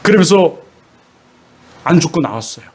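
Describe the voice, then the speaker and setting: Male pastor, middle-aged, high voice, emotional sermon delivery, swings between quiet and loud. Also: lively intonation, normal speed, husky. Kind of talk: sermon with personal testimony.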